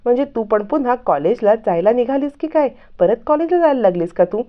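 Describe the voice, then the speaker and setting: A woman putting on a bright, affectionate young woman. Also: fairly high pitch, animated, fairly quick, lo-fi sound, pitched above the performer's own voice, close to an everyday voice. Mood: curious, cheerful. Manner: bright, affectionate, curious questions. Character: cheerful young woman recovering in hospital.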